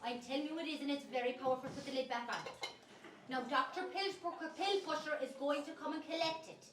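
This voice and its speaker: Woman playing a shrill, camp pantomime landlady. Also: fast talker, lightly acted. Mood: bossy, conspiratorial. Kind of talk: amateur stage pantomime. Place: community centre stage. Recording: echoey hall from far off, faint noise.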